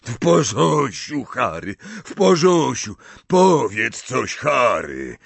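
A man's voice: medium pitch, wildly swooping pitch, takes it slowly, vocal fry, no room sound, exaggerated voice. A man voicing a huge, kind-hearted gamekeeper giant who talks in a rustic, folksy, blustery way. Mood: agitated.

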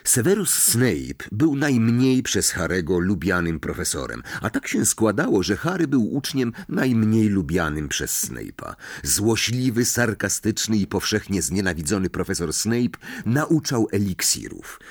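A male audiobook narrator reading in a lively, expressive storytelling style. His voice sits fairly low, with wide pitch movement. The sound is close and dry, from a studio mic. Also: unhurried, few pauses, no echo. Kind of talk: scripted narration.

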